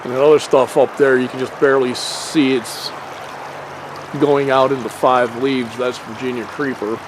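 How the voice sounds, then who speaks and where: A man casually narrating a nature hike outdoors by a creek, in a relaxed, rambling way with fillers and mild swearing, recorded on a handheld camera. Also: mid-range voice, moderate pace. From Pennsylvania. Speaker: nature vlogger. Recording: faint outdoor noise on a camera mic.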